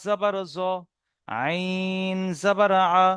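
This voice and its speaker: Male teacher, Bengali accent, smooth higher voice, dry close mic; slow patient explaining, drawn-out recitation of letter sounds. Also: fairly bright tone, dry recording. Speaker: Quran reading teacher. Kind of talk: recorded lesson.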